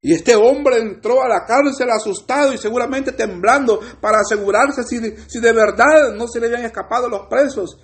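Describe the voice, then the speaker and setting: A man's voice: extremely high pitch, moderate pace, few pauses. A man from El Salvador with a Salvadoran Spanish accent, preaching an earnest sermon and addressing his listeners as brothers.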